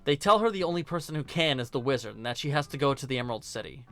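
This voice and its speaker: Over background music, a male video essayist narrates his own film review, casual and opinionated, with blunt sarcasm and the odd curse. He speaks in a mid-range voice that is expressive, bright, and forceful, racing along at high speed.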